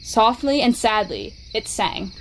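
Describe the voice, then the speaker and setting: A woman's voice: a little high, very animated, a little slow, a bit bright, slight background noise, poor audio. Woman steadily telling a scary story.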